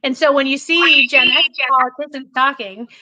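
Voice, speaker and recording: A woman's voice: sits high, fairly even intonation, moderate pace, sharp tone, a little hiss or hum, poor audio. A woman in her forties, a political candidate talking passionately in a podcast conversation, emphatic and full of restarts.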